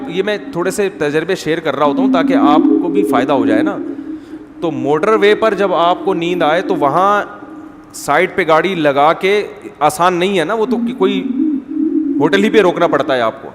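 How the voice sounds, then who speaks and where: Male preacher, fairly high voice, animated storyteller, long hall reverb. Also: a little hiss or hum. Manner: animated storytelling, rhetorical questions, jokes. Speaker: Islamic preacher. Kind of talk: sermon with humorous anecdotes.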